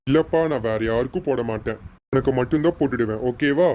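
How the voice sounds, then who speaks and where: A man's voice: medium pitch, fast, a little hiss or hum, lightly acted. A man playing a playful young groom who brags and then reassures his fiancée, in amateur serial acting. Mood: reassuring. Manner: boastful, reassuring. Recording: dull lo-fi recording.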